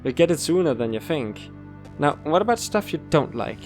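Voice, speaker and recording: A woman with a low-pitched voice plays a polite school interviewer in an audio drama, speaking at normal speed over soft background music. She sounds formal yet reassuring, expressive, kindly and encouraging.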